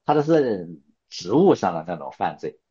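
A man's voice: lowish voice, big pitch swings, normal speed, dark tone. A man hosting a casual chat, often repeating his words and phrases as he goes. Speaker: host of a casual talk show. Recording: dull lo-fi audio, faint music behind.

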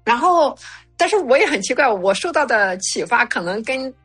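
A young woman chatting casually and haltingly, with a slight thick-tongued lisp from wearing dental braces. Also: fairly high pitch, sing-song, fairly bright tone, slightly rough, faint music behind. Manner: slow, halting delivery. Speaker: guest sharing study experience. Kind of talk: casual chat.

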